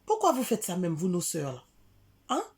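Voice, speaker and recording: Gravelly-voiced woman from Africa, indignant. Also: lowish voice, moderate pace. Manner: animated, indignant, repeats words for emphasis. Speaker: vlogger addressing her community. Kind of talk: casual storytelling monologue.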